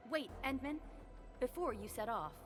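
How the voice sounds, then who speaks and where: A woman's voice: on the high side, animated, normal speed, music in the background, lightly acted. A woman voicing a grateful, caring base director in a video game, speaking earnestly and formally. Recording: long hall reverb.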